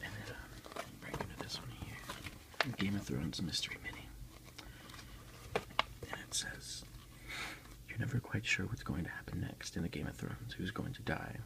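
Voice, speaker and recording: A deep-voiced man whispers quietly and slowly into the microphone, reading aloud and commenting as an ASMR creator unboxing something. Despite the hush, his intonation is lively, and his voice has a creaky texture.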